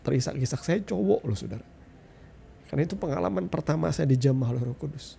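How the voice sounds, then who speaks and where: A man's voice: on the high side, expressive, fast talker, vocal fry, warm tone, slight background noise. A middle-aged man giving an earnest testimony sermon, speaking directly to his listeners as a preacher. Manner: earnest, addresses listeners as "saudara".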